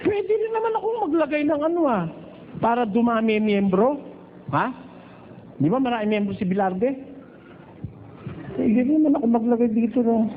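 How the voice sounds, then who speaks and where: High-voiced joking preacher, lo-fi. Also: male voice, expressive. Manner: jokey, teasing, breaks into slow chanted singing. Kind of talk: Bible study sermon. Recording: dull lo-fi recording with faint noise.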